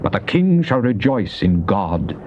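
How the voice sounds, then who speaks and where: In a dramatized King James Bible reading, a male actor with a lowish voice plays a devout, fervent psalmist praying to God, declaiming solemnly and measuredly with big pitch swings. The recording sounds like a muffled old cassette with faint hiss.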